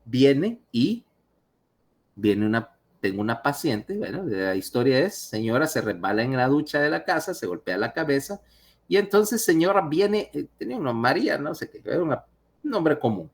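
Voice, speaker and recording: Brief: conversational male lecturer with a mid pitch, over a video call link. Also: very animated, moderate pace. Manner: chatty, asks listeners questions. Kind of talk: online lecture with anecdotes.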